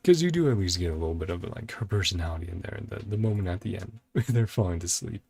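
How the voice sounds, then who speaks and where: A man with a low, gravelly, husky voice and a warm tone talks fast and animatedly. Hosting a reaction and ranking video, he thinks aloud in short, hesitant fragments of casual commentary while game trailer music plays behind him.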